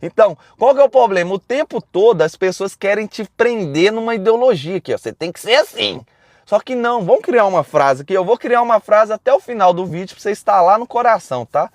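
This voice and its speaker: Man, high-pitched voice, loud blunt live-stream preaching, dry close sound. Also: lively intonation, fast talker, hardly any pauses, no room sound. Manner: loud and blunt, talks straight to viewers.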